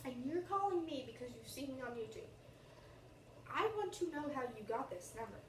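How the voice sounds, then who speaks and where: Echoey high-voiced American teenage girl. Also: moderate pace. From United States. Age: teens, about sixteen. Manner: animated retelling, acting out quoted dialogue. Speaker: YouTube vlogger. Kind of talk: casual storytelling to camera. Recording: roomy echo, distant mic, faint noise.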